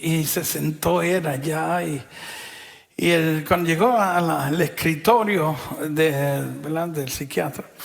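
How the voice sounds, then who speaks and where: A middle-aged man preaches in a high, gravelly voice. He tells his sermon as a story, acting out what the people in it said and often pausing to check in with his listeners. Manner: storytelling, often adds "¿verdad?"; acts out what others said in the story.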